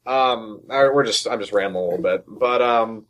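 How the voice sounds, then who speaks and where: A man's voice: lowish voice, brisk, a bit bright. Man rambling casually as a guest. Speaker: interview guest, political activist.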